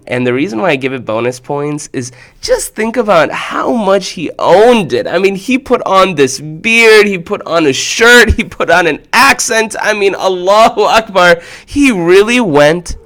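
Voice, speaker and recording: A man hosting a children's show, playfully and excitedly reacting to clips that viewers sent in. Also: high voice, unhurried, few pauses. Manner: animated and playful, exclaiming often.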